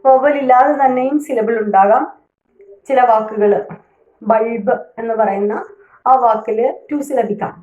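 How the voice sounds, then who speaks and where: A woman teaching a language lesson, reading each rule out slowly and then explaining it at length, with an occasional hesitant filler. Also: fairly high pitch, fairly even intonation, phone-quality sound. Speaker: English teacher. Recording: echoey room.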